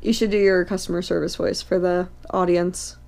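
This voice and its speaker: A woman's voice: on the low side, flat delivery, moderate pace, gravelly, darkish tone. A woman in her twenties co-hosting a podcast, chatting casually with lots of likes and plenty of swearing. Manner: casual, filler-heavy, swears freely. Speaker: podcast co-host. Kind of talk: casual chat.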